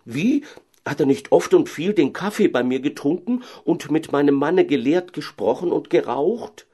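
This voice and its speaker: A man voicing a fussy doctor's wife who protests in a shrill, heated way. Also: lively intonation, moderate pace, warm tone, breathy edge.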